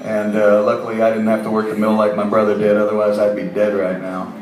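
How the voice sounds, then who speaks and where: Unhurried male musician from Ohio for a radio interview; roomy, distant sound. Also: lowish voice, completely flat delivery, darkish tone. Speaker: musician guest.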